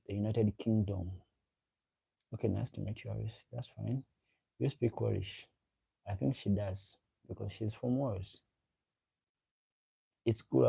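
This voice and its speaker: The recording is rough, and the man's lowish voice is gravelly, slightly rough and dark in tone. As a livestream host he rambles, repeats himself, reads out viewers' comments and talks to them directly in a casual way. His first language is a local African language.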